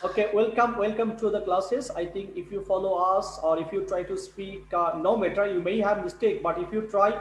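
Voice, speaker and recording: A male tutor running an online speaking class, halting and repeating words. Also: sits high, steady tone, reverberant, slight background noise, low-quality recording. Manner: halting, repeats words, non-native English. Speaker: English test tutor. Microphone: video call.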